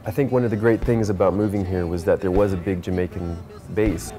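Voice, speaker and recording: A man in his thirties with a low, deep voice, talking through an interview as a reggae musician. He speaks in a laid-back, reflective way and keeps adding "you know". Music plays clearly behind him the whole time. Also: steady tone, fairly quick, warm tone.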